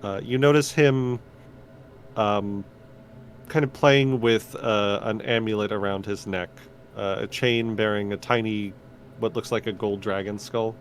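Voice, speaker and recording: A man acting as game master, narrating a tabletop game in a measured way with frequent fillers. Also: lowish voice, fairly even intonation, a little hiss or hum.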